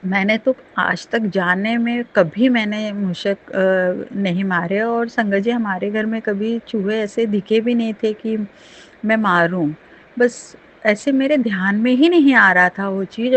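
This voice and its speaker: A middle-aged woman sharing a devotional testimony with her congregation, earnest and emotional, with many restarts and fillers. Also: medium pitch.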